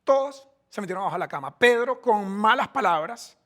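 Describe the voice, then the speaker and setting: A man's voice: sits high, animated, fairly quick, a bit bright. A man preaching a sermon in a conversational, emphatic way, often restarting his phrases. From Costa Rica. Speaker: pastor.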